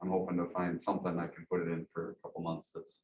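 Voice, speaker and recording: A man with a very low voice talks casually about district funds, rambling a little and full of fillers. His voice rings in an echoey meeting room. The sound is dull and lo-fi, with faint hiss. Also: monotone, quick pace.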